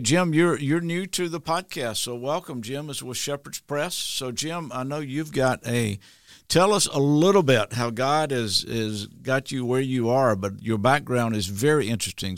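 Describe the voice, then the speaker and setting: A man's voice: mid-range voice, measured pace, a bit bright, no echo, clean studio sound. A man hosting a church podcast, welcoming listeners and introducing his guests in a folksy, casual way with many fillers. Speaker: podcast host.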